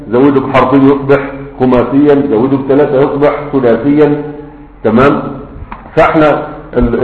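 Male grammar teacher, Egyptian Arabic accent, mid-pitched, patient explainer; dull, roomy recording. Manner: patient, explanatory, keeps checking understanding with quick questions. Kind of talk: classroom-style grammar lesson.

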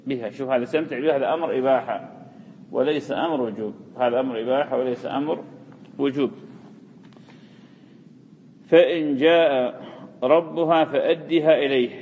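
A man lectures at a brisk clip, explaining each term and repeating the important words for his students. His voice is rough and gravelly. The recording sounds muffled and lo-fi, with a long hall reverb behind it. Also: medium pitch, a little mellow, slight background noise. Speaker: hadith teacher. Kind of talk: classroom lecture.

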